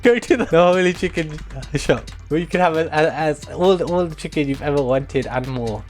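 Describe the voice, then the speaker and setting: A man's voice: fairly high pitch, lively intonation, moderate pace, soft background music. A young British man streaming a mock lesson to his chat in a mock-serious manner, prone to chuckling.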